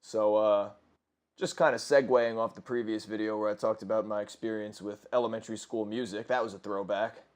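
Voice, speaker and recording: Over his gameplay, this male commentator in his twenties spins rambling, crude tales full of profanity and self-corrections. His voice sits on the low side, brisk and a little mellow, with fairly even intonation.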